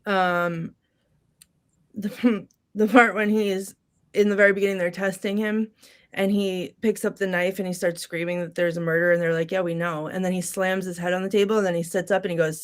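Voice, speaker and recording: Chatty woman rattling off movie quotes. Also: medium pitch. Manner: reads lines briskly with many ums and small laughs. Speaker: podcast panelist. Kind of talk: casual chat, reading movie quotes aloud.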